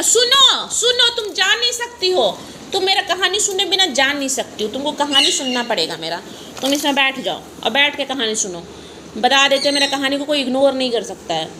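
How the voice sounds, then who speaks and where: A woman with a high-pitched, animated voice talks fairly quickly, telling her pet parrots a playful, teasing story. She's sing-song and repetitive, repeating phrases and laughing as she goes. It's a noisy home recording.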